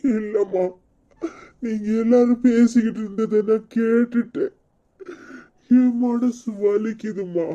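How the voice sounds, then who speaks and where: A man's voice: high voice, steady tone, takes it slowly, long pauses, warm tone. A man voicing a grieving older father-in-law in a cartoon serial, speaking with a Tirunelveli Tamil accent in a sorrowful, pleading way. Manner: sorrowful, pleading, heavy with guilt. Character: grieving elderly father-in-law, shamed and tearful. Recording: dull lo-fi track with faint music.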